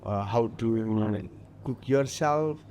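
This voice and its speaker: A man in his forties from Nepal, speaking with a Nepali accent, talking haltingly with many fillers as a guest on a festival stage interview. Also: medium pitch, a little mellow, a little hiss or hum. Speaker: guest mountaineer.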